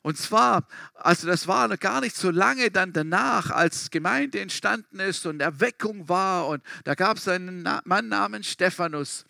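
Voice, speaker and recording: A man's voice: high-pitched, measured pace, vocal fry, hardly any pauses, bright, forceful tone, dry recording, clean studio sound. A man preaching a sermon in a storytelling way, stressing points by repeating them. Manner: storytelling, emphatic repetitions.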